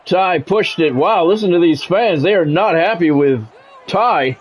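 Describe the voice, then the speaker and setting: Unhurried and slightly rough, this man's high voice carries lively intonation. He's a streamer calling a sports video game live, blending announcer-style play-by-play with casual asides to his audience.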